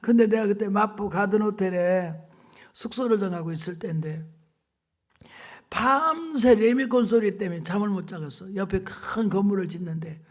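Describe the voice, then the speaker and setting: A woman's voice: medium pitch, moderate pace. An older woman preacher giving an emotional sermon testimony in a dramatic, colloquial, emphatic way. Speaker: revival preacher.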